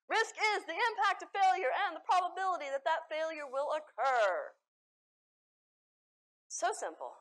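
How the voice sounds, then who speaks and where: A young American woman speaks to a conference audience in a high, bright-pitched voice. Her intonation leaps around expressively as she jokes about herself. She laughs often and shifts quickly between playful asides and her points. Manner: animated, self-deprecating, laughs often. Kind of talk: conference talk with slides. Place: conference hall stage.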